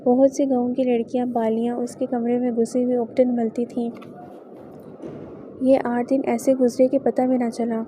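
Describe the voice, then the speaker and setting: A woman narrating a novel aloud in a steady, even reading manner. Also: fairly high pitch, slight background noise, low-quality recording. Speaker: audiobook narrator.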